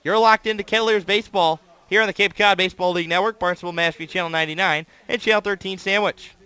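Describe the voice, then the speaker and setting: A man's voice: high-pitched, steady tone, fast, bright, forceful tone, smooth, no echo. A man doing live baseball play-by-play commentary as the announcer, in clipped phrases, stretching words on big plays.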